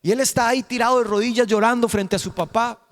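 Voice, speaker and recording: Male pastor, high voice, emphatic sermon with rhetorical questions, long reverb of a church hall. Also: fairly even intonation, quick pace. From Costa Rica. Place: church sanctuary.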